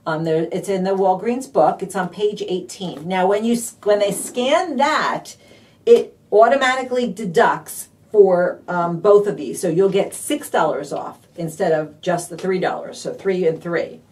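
A woman hosting a live-streamed couponing deals rundown, bubbly and excitable, with lots of fillers. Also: medium pitch, unhurried, far from the mic. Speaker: couponing show host.

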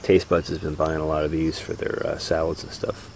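A man with a bass voice, creaky and slightly dark, talks a bit quickly in a totally flat way as he gives an easygoing, rambling walking tour of his vegetable farm, dropping "uh" constantly. It's recorded outdoors in the fields on a handheld camera mic while he walks, with crickets and insects audible throughout.

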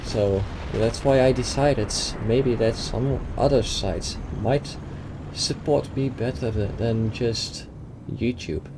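Speaking slowly at a medium pitch, a young man from the Netherlands narrates a game replay for his YouTube channel. His Dutch-accented commentary is full of hesitant fillers and restarts, and game sounds play in the background.

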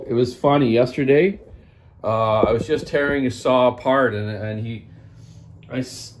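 A man's voice: medium pitch, darkish tone. A man in his forties running a casual workshop vlog about chainsaw repair, rambling in a folksy way and calling viewers "man". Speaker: chainsaw repair shop owner. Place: small indoor repair workshop. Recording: echoey workshop room.

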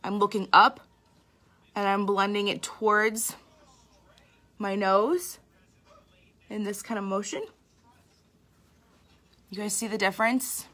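A woman's voice: medium pitch, pushed and bright. A young woman makeup artist giving a casual live tutorial, chatty and candid, with a tired, sleepy voice. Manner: chatty, candid, self-deprecating, lots of fillers.

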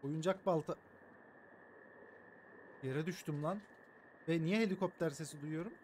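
A male streamer talks through a game in a fairly high voice, cracking jokes and swearing freely. He breaks off now and then to thank his viewers by name. A faint hiss sits under his voice. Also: unhurried, a little mellow. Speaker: live streamer. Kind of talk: live gameplay commentary.

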